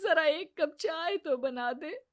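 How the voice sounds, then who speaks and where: A woman's voice: a little high, lively intonation, a little slow, bright, forceful tone. A woman playing a bossy, scolding mother-in-law who orders her daughter-in-law around. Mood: pleading. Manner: scolding, commanding.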